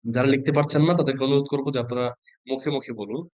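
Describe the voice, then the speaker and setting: A man's voice: medium pitch, steady tone, rapid-fire, darkish tone, no echo, lo-fi sound. Patient man teaching letters online. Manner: patient, asks students questions and spells out letters. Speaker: Quran reading teacher. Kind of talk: online class instruction.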